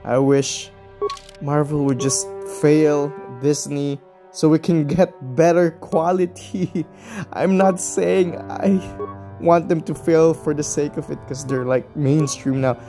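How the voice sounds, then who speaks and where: A gaming YouTuber with a hoarse voice, rambling through casual gameplay commentary in a nearly empty room and laughing after almost every line. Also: mid-range voice, little pitch movement, takes it slowly, music in the background. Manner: laughs constantly as a habit; rambling, chatty rants. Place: mostly empty room as makeshift studio.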